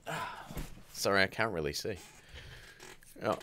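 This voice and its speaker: A man's voice: fairly low pitch, expressive, unhurried, bright, forceful tone, a little hiss or hum. A man hosting a casual livestream, rambling and chatty in a groggy morning voice, talking from home. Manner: rambling, chatty, reads out viewer comments. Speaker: livestream host.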